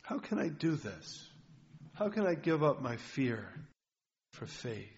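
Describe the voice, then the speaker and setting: A man's voice: on the high side, big pitch swings, slow. A middle-aged male pastor giving a folksy, conversational sermon full of rhetorical questions. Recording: dull lo-fi recording.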